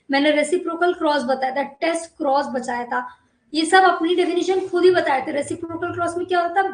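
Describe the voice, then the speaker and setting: A woman's voice: extremely high pitch, echoey room, poor audio. A woman biology teacher lecturing a class, coaxing students and often asking whether they have understood. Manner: coaxing, repeatedly checks understanding.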